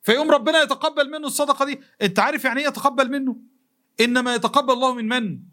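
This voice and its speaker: A man with an Egyptian accent delivers a mosque lesson at a rapid clip. His voice sits high and sounds bright and forceful. He speaks in everyday colloquial terms, questioning the audience and slipping into the voices of imagined people. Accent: Egyptian Arabic. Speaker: preacher.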